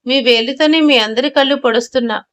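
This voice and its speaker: A scheming young impostor spins her story in a fairly high voice, read by a woman narrator. She talks in a sly, pleading way. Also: fairly quick, a bit bright.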